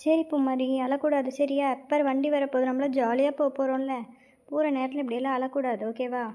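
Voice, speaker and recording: A woman voicing a level-headed young woman who calms and instructs the others in a comedy cartoon. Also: high-pitched, brisk, lightly acted. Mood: soothing. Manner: soothing, instructing.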